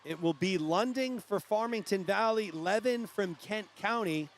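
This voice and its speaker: New england guy calling a swim meet, high voice, bit of noise behind. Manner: brisk play-by-play, rising to shouts at finishes. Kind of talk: live sports commentary.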